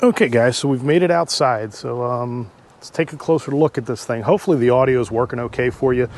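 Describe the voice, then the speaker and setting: A man giving a casual, unscripted car dealership walk-through as a vlogger, halting and thinking aloud as he looks around. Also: medium pitch. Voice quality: talking through a face mask indoors. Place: car dealership, showroom then outdoor lot. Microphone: microphone with a furry windscreen. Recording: handheld vlog with background ambient noise.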